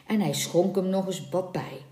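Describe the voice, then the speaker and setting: A woman narrating a historical folk tale in a steady, expressive audiobook reading. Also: on the low side, moderate pace. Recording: echoey room.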